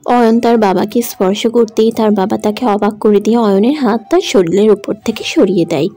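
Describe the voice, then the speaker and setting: A woman's voice: medium pitch, a little fast, warm tone, soft background music. A woman narrating a romantic audio drama in an emotive, dramatic manner. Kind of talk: scripted story narration.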